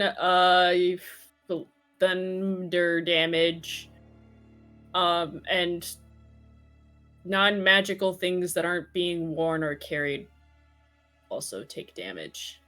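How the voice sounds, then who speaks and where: A woman's voice: lowish voice, very slow, pauses often, fairly bright tone, soft background music. A woman playing a tabletop game, playful and swearing freely. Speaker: player.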